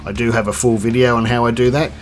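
Faint music plays behind an Australian man in his fifties as he hosts his home brewing channel's casual beer review vlog indoors at his home bar. He talks fast in a flat, mid-range voice, chatty and rambling, often restarting and saying um.

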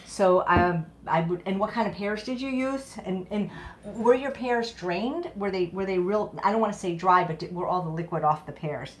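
A medium-pitched woman's voice at normal speed belongs to a middle-aged chef and host running a casual live cooking demonstration indoors at home. She's enthusiastic and exclaiming, and dishes and clicks clatter in the background.

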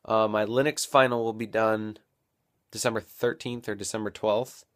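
A young man vlogging casually at home, rambling and thinking out loud into a built-in camera mic. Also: on the low side, steady tone, normal speed. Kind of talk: casual daily vlog.

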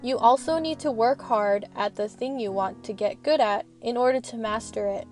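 A young woman student records a casual, rambling voice-over from her parked car. She talks in an earnest, frank way, her voice sitting a little high. Gentle music plays quietly under her. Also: normal speed. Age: young adult. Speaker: student vlogger.

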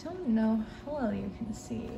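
A woman's voice: on the high side, expressive, measured pace, vocal fry, background noise. A woman in her twenties chatting casually to a handheld camera in a vlog, bubbly and full of filler words. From USA. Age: 20s. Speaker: vlogger. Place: apartment, car and outdoors. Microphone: handheld phone or camera at arm's length.

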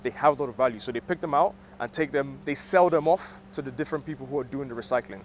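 A man's voice: medium pitch, fast talker. A man in his thirties speaking off the cuff in an outdoor interview. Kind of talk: spontaneous interview talk. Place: outdoors on a street by a truck. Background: faint vehicle noise.

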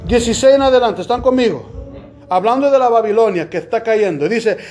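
A male preacher leading a Bible study sermon, constantly asking the congregation questions and saying amen, reading scripture slowly and deliberately. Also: very high voice, lively intonation, a little mellow, faint music behind.

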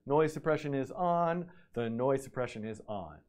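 A man's voice: medium pitch, animated, normal speed, darkish tone. Man through noise suppression artifacts. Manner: repetitive, testing aloud. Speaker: livestream host. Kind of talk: casual live-stream chat. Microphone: computer mic with noise suppression.

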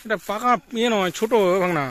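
Out in a cashew grove, a vlogger from Midnapore in West Bengal films his group and talks casually to the camera. His voice is high, he talks fast, and there's a little hiss or hum. He chats away, calls his viewers "guys," and gets excited.

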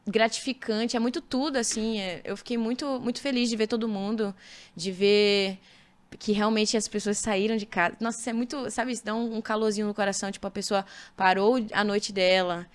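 A young woman from Brazil, a singer, chatting as a guest in a relaxed podcast interview, animated and full of fillers. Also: a little high, clean tone. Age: young adult. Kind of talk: casual interview chat.

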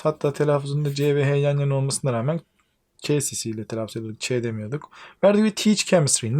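A male English teacher with a Turkish accent, chatting through a lesson, reading English lines slowly and translating them for his students. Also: fairly high pitch, darkish tone. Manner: chatty, addresses viewers as friends, reads English lines slowly then translates. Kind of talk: classroom lesson explaining exercises.

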